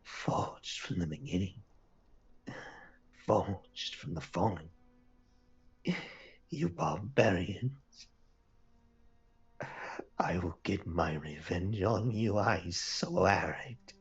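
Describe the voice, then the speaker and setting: A man voicing a grieving, vengeful woman ruler who pleads and swears revenge in a husky voice. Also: low-pitched, slow, long pauses, exaggerated voice. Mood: whispered vow. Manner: pleading, then bitterly whispering. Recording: muffled, lo-fi recording.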